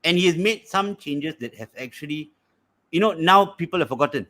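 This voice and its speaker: A man with a Malaysian English accent debating on a fan panel show. His pitch moves a lot and he argues in an animated, persuasive way. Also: a little fast. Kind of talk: casual debate.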